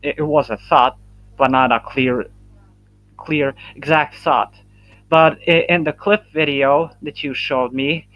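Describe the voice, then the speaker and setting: Slow, stuttering man on a dull mic. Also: on the high side, no room sound. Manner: stuttering, sighing, struggles to explain. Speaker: guest. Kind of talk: casual voice call.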